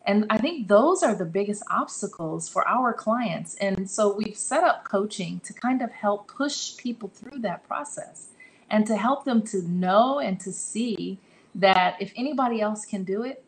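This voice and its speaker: A woman's voice: mid-range voice, expressive, unhurried, rough recording. A woman answering interview questions about her publishing business, earnest and encouraging, often restarting her sentences. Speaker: guest, publishing company leader.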